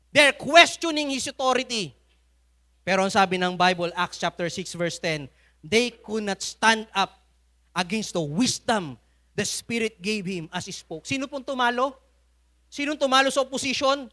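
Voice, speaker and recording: A man's voice: fairly high pitch, fairly bright tone. A man with a Filipino accent preaching a sermon at a church service, telling stories with humor and frequent laughter. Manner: humorous storytelling, laughs often.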